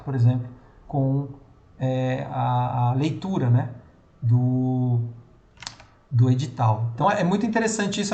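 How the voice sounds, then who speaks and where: Trainer, male, São Paulo accent, fairly high voice, loose and chatty delivery, roomy echo. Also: a little mellow. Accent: São Paulo Portuguese. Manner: casual, many fillers and restarts. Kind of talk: online training session.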